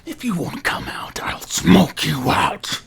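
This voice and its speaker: A man voicing a sly, menacing villain in a slow, raspy, gravelly, breathy voice for a tabletop game. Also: fairly high pitch, sing-song, crowd noise, pitched above the performer's own voice, exaggerated voice. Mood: sly menace.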